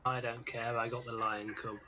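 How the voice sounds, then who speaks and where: A man's voice: mid-range voice, little pitch movement, moderate pace, lo-fi sound, background noise. A man chatting casually while playing a game with a friend, making wry offhand remarks. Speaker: game streamer. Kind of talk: casual gameplay chat.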